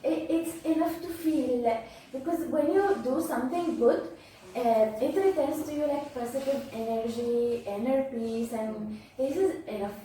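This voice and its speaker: A woman's voice: high voice, unhurried, mellow. A young woman from Syria, a native Arabic speaker with a Levantine Syrian accent, talking casually as an interview guest and often searching for words. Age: young adult. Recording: distant echoey mic, faint background noise.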